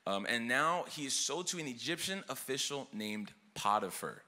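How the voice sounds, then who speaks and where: A young man preaching from a church stage with a bright, forward voice. He talks to the congregation in a loose, energetic way, with fillers and call-and-response. The pitch sits in a middling male range. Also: moderate pace. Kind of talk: sermon. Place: church auditorium.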